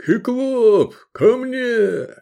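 A man's voice: extremely high pitch, expressive, very slow, gravelly, warm tone, voice pushed up, heavily acted. A man voicing an enraged, domineering Roman patrician father who roars commands. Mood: furious. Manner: roaring, commanding.

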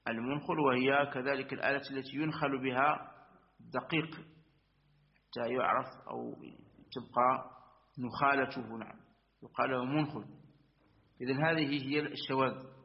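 A man teaching a lesson on Arabic grammar. He explains step by step, repeats points and affirms often, and recites verse lines slowly. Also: medium pitch, steady tone, vocal fry, highs cut off. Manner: methodical, repeats and affirms with frequent asides. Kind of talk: religious-school lesson explaining a verse text.

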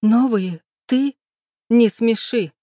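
Bitter, tearful young heroine, read by a woman, sharp raised outbursts, mellow timbre, storybook audiobook. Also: lowish voice, measured pace, dry recording, clean studio sound. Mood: shrill.

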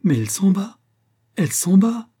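A man's voice: medium pitch, steady tone, a little fast, warm tone, pitched above the performer's own voice, natural voice. A man reading aloud, voicing an agitated male astronomer who exclaims in a strangled, indignant way. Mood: panicked.

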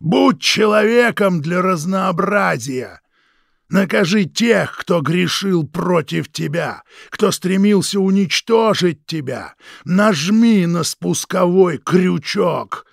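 A bitter old man hollers his grievances in a hoarse, high, strained voice, as a male audiobook reader puts him on. The delivery is slow and dragged out, with a gravelly crackle under every word. The recording is close and dry. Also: big pitch swings, dry recording, full character voice. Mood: raging, desperate. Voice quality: hoarse yelling. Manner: shouting, sobbing, accusing. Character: bitter, furious older man, the narrator's resentful brother. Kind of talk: audiobook character reading.

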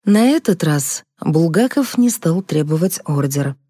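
A woman narrating a first-person detective audiobook in a steady, ironic manner. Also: low-pitched, measured pace, slightly rough, dry recording, clean studio sound.

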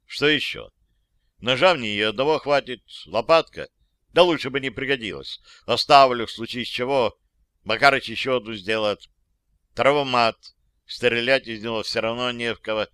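Bright, crisp male audiobook narrator. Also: mid-range voice, normal speed, no room sound. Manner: wry, weary soldier's narration. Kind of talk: first-person audiobook narration.

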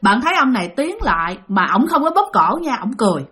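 A woman's voice: a little high, very animated, fast, bright, forceful tone. A woman with a Southern Vietnamese accent narrating a ghost story, chatty and talking straight to her listeners. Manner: chatty, addresses listeners directly.

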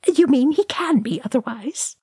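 Woman doing cheeky male dwarf, sniggering, high, dry close sound. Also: very animated, moderate pace, husky, no echo, exaggerated voice. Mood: teasing. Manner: sniggering, teasing.

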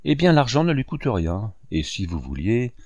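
Sly confiding young maid, read by a man, varied pitch, dry close sound. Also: very animated, normal speed, no room sound. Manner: hushed, confiding delivery. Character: scheming young chambermaid, sly go-between.

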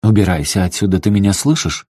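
Male narrator playing a furious, scornful mother, raised voice, husky. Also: deep voice, fast, mellow, no room sound, studio quality, voice pushed up. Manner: screaming insults. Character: shrill furious middle-aged mother.

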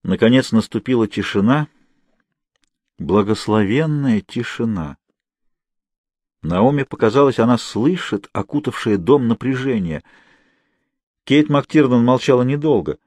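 A man narrating an audiobook in a measured, even storytelling manner, recorded on a close mic. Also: medium pitch, dry recording.

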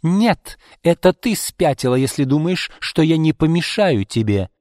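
A man's voice: medium pitch, expressive, moderate pace, a little mellow, dry recording, clean studio sound, long reverb tail, voice pushed up, lightly acted. A man voicing a spiteful, jealous young woman who sneers and hisses threats. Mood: spiteful, menacing.

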